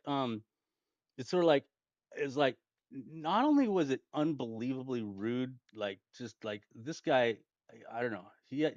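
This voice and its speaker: A man's voice: mid-range voice, dry recording. A man casually telling a long gaming story, rambling with frequent restarts and chuckles. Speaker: gaming channel host. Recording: dull lo-fi dry home mic.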